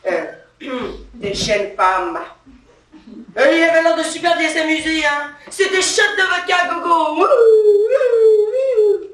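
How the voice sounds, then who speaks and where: A woman's voice: high-pitched, unhurried, sharp tone. A woman acting a swaggering, bossy female police officer in a satirical comedy monologue on stage. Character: brash trigger-happy female police officer, touchy and power-proud. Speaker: stand-up character performer. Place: theatre stage. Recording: roomy stage sound from far off.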